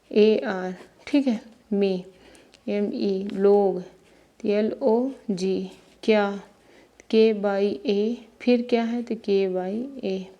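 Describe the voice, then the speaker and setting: Woman teacher, spelling lesson, letter-by-letter, unhurried pace. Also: medium pitch, mellow, highs cut off. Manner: slow, spelling names letter by letter.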